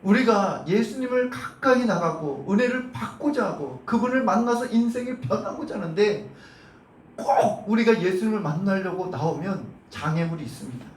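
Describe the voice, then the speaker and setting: Pastor guy preaching, high voice, acts out the crowd yelling, roomy church sound from far off. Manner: animated preaching, acting out crowd shouts and asking the congregation questions. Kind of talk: sermon. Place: church sanctuary. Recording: roomy church sound from a distant mic, faint hum.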